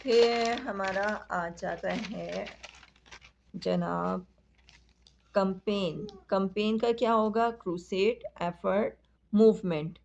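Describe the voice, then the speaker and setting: A woman teacher with a Pakistani accent, patiently explaining a lesson to children, talking slowly and addressing them directly. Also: mid-range voice, vocal fry, a little mellow. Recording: dull lo-fi recording.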